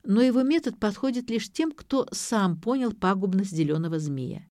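A woman's voice: medium pitch, animated, normal speed, a little mellow, dry recording, clean studio sound, voice pushed up, natural voice. A woman voicing a solemn, formal middle-aged female clinic administrator. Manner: formal, pompous.

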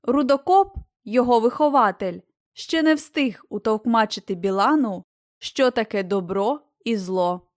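A woman narrating a fairy-tale audiobook in an even, expressive reading. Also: fairly high pitch, measured pace, no room sound, studio quality. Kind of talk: scripted storybook narration.

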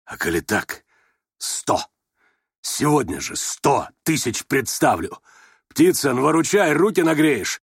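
A man voicing a reckless, drunk young merchant who shouts and boasts. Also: mid-range voice, takes it slowly, gravelly, breathy edge, no room sound, studio quality, voice pushed up, exaggerated voice. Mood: wild, boastful. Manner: loud, boastful, excited.

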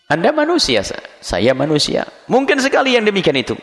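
Animated preacher man in a reverberant hall. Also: high voice, a little fast. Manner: animated, playful, acts out examples. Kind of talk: Ramadan sermon.

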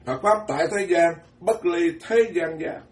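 A Buddhist monk gives a folksy, joking Dharma talk, stumbling over repeated words as he drives his points home. His voice sits a little high for a man. He is picked up from a distance, with a roomy echo around him. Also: moderate pace. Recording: echoey hall from far off.

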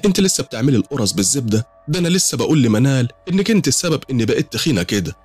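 A man's voice: medium pitch, very animated, rapid-fire, a little mellow, slightly rough, faint music behind, voice pushed up. A man with an Egyptian accent voicing a chatty, joking middle-aged mother-in-law who talks in a raised voice. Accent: Egyptian Arabic.

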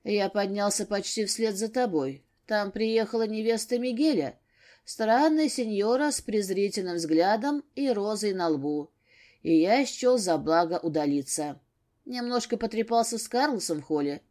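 A woman's voice: medium pitch, moderate pace, darkish tone, lightly acted. A woman voicing a tired, muttering husband in an audiobook.

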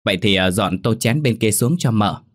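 A man's voice: lowish voice, normal speed, natural voice. A man voicing a brusque, affectionate middle-aged aunt in a spoken ghost story. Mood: caring.

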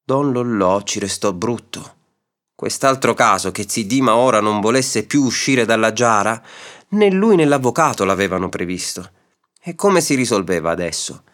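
A man narrating a classic short story aloud in a measured, expressive reading. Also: on the low side.

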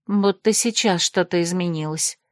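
A woman's voice: medium pitch, measured pace, no echo, studio quality, natural voice. A woman voicing a haughty, catty young aristocratic woman in an audiobook, drawling and reproachful.

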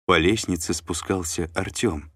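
Deep voiced guy reading an audiobook, really expressive, dry booth sound. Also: unhurried, slightly rough, dry recording. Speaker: audiobook narrator. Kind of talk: scripted narration.

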